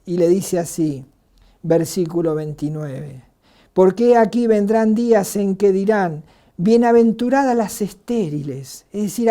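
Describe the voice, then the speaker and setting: An Argentine woman preaching a sermon in an earnest way, asking rhetorical questions and pausing on filler words. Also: on the low side, dark tone. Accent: Argentine Spanish.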